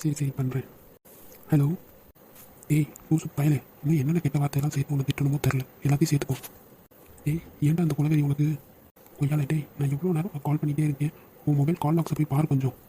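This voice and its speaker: A man's voice: on the high side, level tone, warm tone, slight background noise, close to an everyday voice, low-quality recording. A man voicing the young men of a family in a cartoon drama, brotherly and joking in manner. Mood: teasing. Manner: brotherly, joking, quick-talking.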